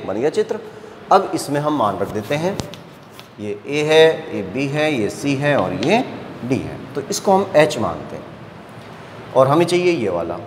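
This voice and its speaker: A man's voice: a little high, a little hiss or hum. Patient man teaching maths in an echoey room. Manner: slow, patient explaining, often checking "है ना". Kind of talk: classroom lecture at a board. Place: classroom with a board.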